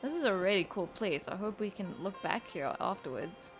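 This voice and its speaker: This young woman creates gaming videos, chatting casually and musing as she plays with game music in the background. Her medium-pitched voice is animated and moves at a normal speed.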